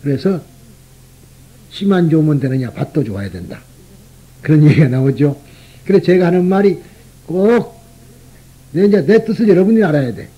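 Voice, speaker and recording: Male Buddhist monk, high husky voice, chatty sermon full of rhetorical asides, dull lo-fi recording. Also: animated, normal speed, pauses often. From Gyeongsang region, Korea. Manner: conversational, often tags rhetorical questions to the listeners.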